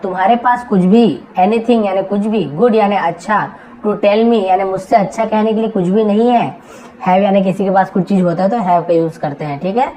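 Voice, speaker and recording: A woman teaching an English translation lesson. She reads English slowly word by word, explains each word in Hindi, and often checks that her students follow. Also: lowish voice, poor audio. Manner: checks understanding with frequent questions. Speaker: English tutor.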